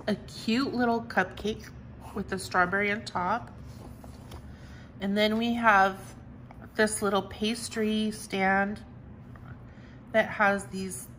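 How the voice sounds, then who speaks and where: Woman crafter, slow unhurried delivery, effusive show-and-tell, faint room noise. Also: mid-range voice, a bit bright, rough recording. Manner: gushing, enthusiastic, repeats "I love" and "so cute". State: has the hiccups. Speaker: crafting vlogger. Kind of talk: casual show-and-tell of stamps.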